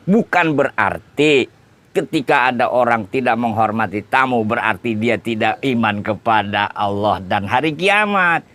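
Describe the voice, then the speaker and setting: Male preacher, mid-pitched, conversational religious teaching. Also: sharp tone. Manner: conversational, explaining with everyday examples and repeated tag phrases. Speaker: Islamic preacher. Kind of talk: informal religious lecture.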